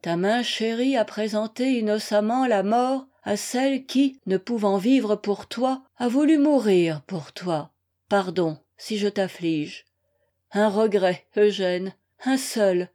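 Woman voicing a devoted young woman's farewell letter, tender, slow, warm and mellow, audiobook reading. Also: medium pitch, lightly acted. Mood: tender pleading. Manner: tender, solemn pleading.

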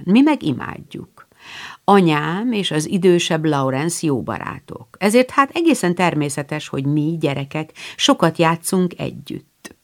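A woman reading aloud, voicing a proper teenage girl who is shy but teasing, in a light, playful, composed way. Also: low voice.

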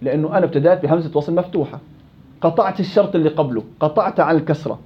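A man teaching a live Quran recitation class in Levantine Arabic, questioning students and drilling examples slowly and repeatedly. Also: a little high, lo-fi sound.

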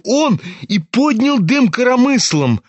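A man's voice: high voice, very animated, slow, fairly bright tone, dry recording, muffled recording, full character voice. A man voicing a sickly, sardonic young man who talks in a mocking, needling tone, in an audiobook reading.

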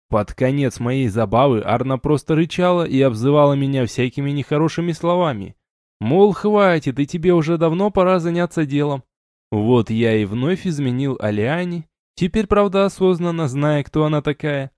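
A man reads a fantasy audiobook in the first person, wry and ironic. His voice is dark and mellow. The recording is dry and close. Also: fairly high pitch, no echo. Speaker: audiobook narrator.

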